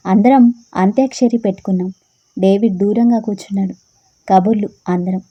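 A woman narrating a first-person romantic story in a soft, subdued way. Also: mid-range voice, steady tone, a little fast, breathy edge, muffled recording.

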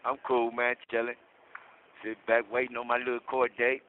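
A man speaks over a prison phone line in an easygoing, slangy way, laughing easily between remarks. His voice sits at an ordinary pitch and comes through squeezed and tinny. A faint hiss runs under the call. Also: completely flat delivery, normal speed. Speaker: inmate calling from prison. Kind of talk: casual phone chat.

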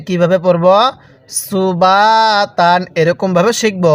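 In this call-and-repeat spelling lesson, a male Quran teacher recites the letters slowly, stretching every sound for his students to echo. He has a high-sitting, fairly bright voice.

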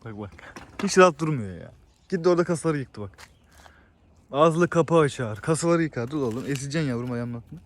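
A man talking to his farm animals outdoors in a casual vlog, coaxing and scolding them with quick exclamations. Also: medium pitch, animated, slight background noise. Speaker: farmer filming his animals. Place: outdoor farmyard.

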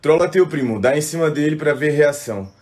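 A man loudly announcing prank challenges. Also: fairly high pitch, animated, brisk. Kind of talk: reading on-screen prompts. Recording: music behind voice.

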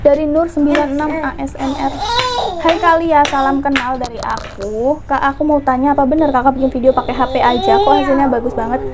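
A woman in her twenties from Central Java, Indonesia, is a mukbang vlogger chatting casually with viewers at home and answering their questions through a clip-on lapel mic. She's chatty and often tags lines with "guys," speaking fairly quickly in a high, steady voice over loud music.

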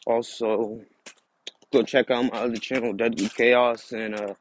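A man's voice: mid-range voice, level tone, a little slow. A young man casually narrating a fan story, rambling and restarting phrases as he goes. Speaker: channel host and storyteller. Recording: noisy background.

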